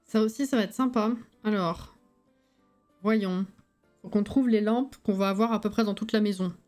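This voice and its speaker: A woman's voice: medium pitch, normal speed, a little mellow. Lisping, tired woman streamer from a game stream. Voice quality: lisp with slushy, zozotant s sounds. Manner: colloquial, thinking aloud. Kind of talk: casual live game stream commentary. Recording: voice over background music. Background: music.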